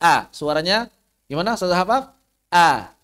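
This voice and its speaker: High-pitched Indonesian man, over-enunciating teacher. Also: lively intonation, normal speed, a bit bright. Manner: over-enunciates, drawing out sounds and syllables to demonstrate; instructive, with repeated examples and rhetorical questions. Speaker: Quran recitation teacher. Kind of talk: live lesson on Arabic pronunciation.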